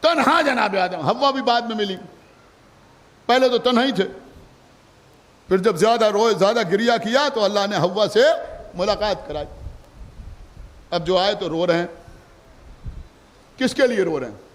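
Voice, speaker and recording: A male cleric with a Lucknow Urdu accent preaches a mourning sermon in a strikingly high voice. He drops to quiet asides, then rises to loud declaiming. The sound carries the long reverb of a large hall. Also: moderate pace, pauses often. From India. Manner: swings between soft asides and loud declaiming. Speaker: Shia cleric. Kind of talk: Muharram majlis sermon.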